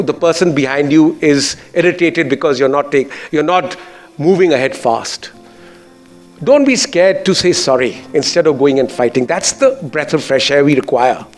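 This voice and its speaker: A man with an educated, posh Indian English accent gives a formal speech as a school chairman, earnest and emphatic in his phrasing. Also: fairly high pitch.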